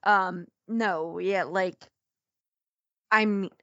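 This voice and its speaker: A woman's voice: mid-range voice, fairly even intonation, very slow, pushed and bright, dry recording. A woman co-hosting a podcast in casual chat, emphatic and exasperated. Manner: agreeing often, exasperated, emphatic. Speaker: podcast co-host. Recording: dry, dull lo-fi sound.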